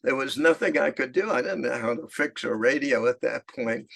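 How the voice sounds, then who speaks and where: Gravelly man in his eighties telling stories. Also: mid-range voice, normal speed, a bit bright. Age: 80s. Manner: chuckles through his anecdotes. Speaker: narrator recalling his past. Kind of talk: storytelling reminiscence.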